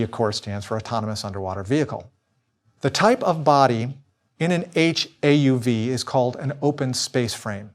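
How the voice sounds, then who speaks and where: A man lecturing in a recorded course, explaining clearly and now and then correcting himself mid-word. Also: medium pitch. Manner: clear explanatory delivery with small self-corrections.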